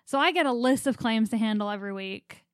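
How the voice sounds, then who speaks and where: A young woman co-hosts a casual podcast chat, telling stories at length in a chatty, rambling, anxious way. Her voice is on the high side and fast, captured with studio quality and no room sound.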